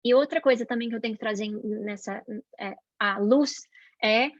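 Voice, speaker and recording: A Brazilian woman speaks with a slightly high voice, giving a chatty parenting lesson as an educator. She tags her sentences with questions and slips into the voices of the people she quotes. The recording is dry and somewhat muffled. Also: normal speed, dry recording. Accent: Brazilian Portuguese. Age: adult parent. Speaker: Montessori educator. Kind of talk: informal parenting talk.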